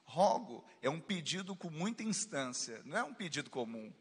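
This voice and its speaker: A man's voice: a little high, big pitch swings, normal speed, breathy edge. A middle-aged man with a Brazilian Portuguese accent, preaching a sermon as pastor with playful asides and rising exclamations. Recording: long hall reverb.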